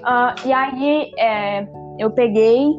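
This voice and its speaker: A woman's voice: a little high, drawn-out words, dull audio, faint music behind. A young woman hosting a casual chat, telling a personal story with lots of fillers and acted-out quoted dialogue.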